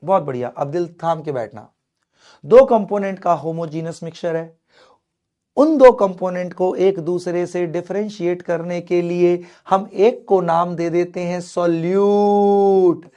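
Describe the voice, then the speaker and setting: A young male chemistry teacher giving an animated online exam-prep lecture, mixing Hindi with English terms and calling his students his kids. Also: sits high, unhurried, dull audio.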